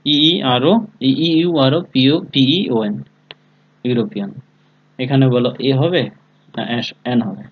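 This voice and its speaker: A man with a mid-range, animated voice teaches a live online English class at a measured pace, leaving long pauses, and the audio sounds dull. He calls students by name, spells words letter by letter, and often checks that they're following along.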